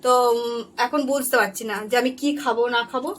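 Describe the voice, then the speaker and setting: Hoarse chatty woman home vlogger. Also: a little high, fast talker, a bit bright, slight background noise. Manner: chatty, rambling, talks to viewers as friends. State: hoarse from a cold. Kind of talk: casual home vlog chat to viewers.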